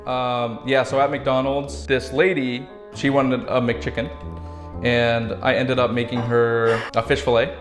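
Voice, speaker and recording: A young man answers a mock job interview in a hesitant, filler-heavy way, his voice at an ordinary pitch. The room is echoey, with faint music somewhere behind him. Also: little pitch movement, unhurried.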